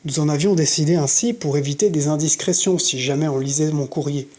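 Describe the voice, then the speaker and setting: A reader narrating a novel in an audiobook with steady, measured storytelling. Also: medium pitch. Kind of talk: scripted narration.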